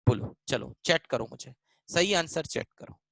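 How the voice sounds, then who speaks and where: A man's voice: mid-range voice, normal speed, creaky, fairly bright tone, no room sound, rough recording. A man teaching English grammar in a live online class in Hindi, mixing in English, repeating lines and calling students by name. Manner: switches between Hindi and English mid-sentence.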